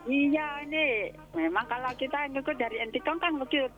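A woman calling in to a radio show over a delayed phone line, chatty and quick to laugh. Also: high voice, soft background music. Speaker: radio call-in listener. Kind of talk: casual phone chat.

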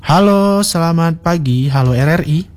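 A man hosting a call-in radio program, taking listeners' calls with a polite, steady manner. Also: on the high side, normal speed. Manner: polite, steady, frequent "oke, baik". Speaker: radio host.

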